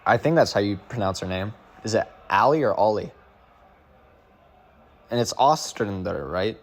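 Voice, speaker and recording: A man's voice: fairly low pitch, lively intonation, normal speed. A young man chatting casually as a running vlogger, rambling with lots of filler words and slang. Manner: rambling, full of "like" and "bro".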